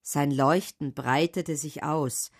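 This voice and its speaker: A woman reading a children's story aloud in a calm, measured storyteller's manner. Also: low-pitched. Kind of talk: storybook narration.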